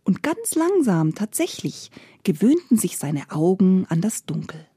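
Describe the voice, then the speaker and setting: A woman reading a children's story aloud, calm and unhurried, dropping into whispers at times. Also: medium pitch, breathy edge, no echo, studio quality.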